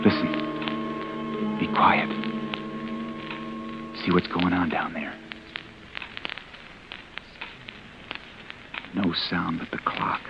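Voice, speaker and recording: An actor playing a panicked young man hiding after a killing, narrating his dread in a tense, often hushed inner monologue. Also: sits low, little pitch movement, slow pace, music in the background. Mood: urging. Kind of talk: 1940s radio drama narration. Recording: dull old radio broadcast.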